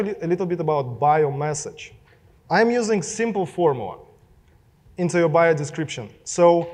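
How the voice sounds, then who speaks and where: A young man with a Russian accent, speaking to a live audience in a casual, direct way and often asking them questions. His voice sits a little high, and it rings with the long reverb of a large hall. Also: darkish tone.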